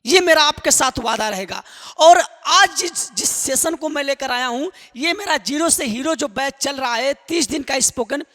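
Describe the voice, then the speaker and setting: High bright-voiced male teacher, reverberant room. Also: expressive, moderate pace. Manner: emphatic, repeats phrases and asks rhetorical questions. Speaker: English teacher. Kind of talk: spoken English lesson for students.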